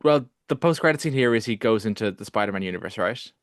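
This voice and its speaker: Lively argumentative man, dry close sound. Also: on the low side, fast, no room sound. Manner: animated, argumentative, lots of restarts and "like". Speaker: podcast co-host. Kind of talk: casual film-review chat.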